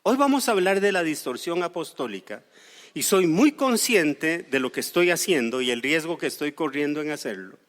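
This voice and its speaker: Preaching in a large hall, a pastor from Costa Rica speaks with a Costa Rican Spanish accent, weaving personal anecdotes and gentle humor into his explanation of scripture. His voice is a little high and fairly bright, animated, at a moderate pace.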